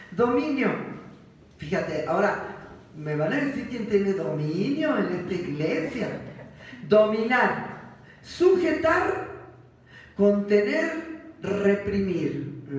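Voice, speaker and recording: A woman's voice: on the high side, darkish tone, dull audio. Mexican woman pastor preaching in echoey church. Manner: humorous storytelling with laughter. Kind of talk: sermon. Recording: echoey church hall, mic from far off.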